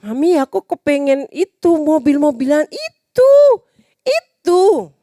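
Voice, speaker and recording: A woman's voice: high-pitched, big pitch swings, slow pace, mellow, no room sound, studio quality, voice pushed up, heavily acted. A woman voicing a small child whining and begging its mother for toys. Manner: whining, pleading.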